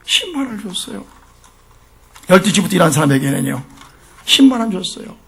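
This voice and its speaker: Middle-aged male pastor, sermon, husky bright voice, lively swings from murmurs to shouts. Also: high voice, a little fast. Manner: emphatic, asks the congregation questions, swings from quiet asides to shouting.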